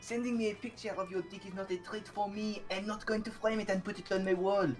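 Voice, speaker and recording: A man voicing a vain, sharp-tongued young woman in a French accent, reading game dialogue in character. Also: high voice, flat delivery, quick pace, faint music behind, voice pushed up, close to an everyday voice. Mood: scornful.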